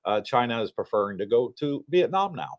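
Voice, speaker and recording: A man around sixty co-hosting a casual livestream, talking in a relaxed, rambling way with frequent chuckles. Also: mid-range voice, a little fast. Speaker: livestream co-host.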